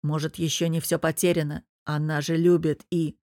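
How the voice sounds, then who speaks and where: A stern, blunt businessman friend who gives curt orders, read by a woman narrating an audiobook. The voice sits low, and the delivery is short and commanding. The recording is dry, with no room echo. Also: level tone, moderate pace, darkish tone, close to an everyday voice.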